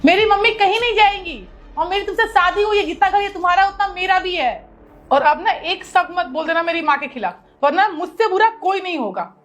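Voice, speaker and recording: A woman's voice: very high voice, animated, a little fast, soft background music. A woman playing a defiant young wife. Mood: upset defiant. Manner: pleading, then firm and defiant. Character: young wife, loyal daughter defending her mother. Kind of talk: amateur family drama skit.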